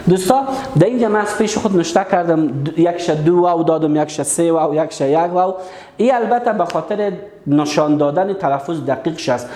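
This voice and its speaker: A man's voice: fairly high pitch, warm tone, echoey room. A man teaching a language lesson online. He is patient, repeats key words and asks the class questions.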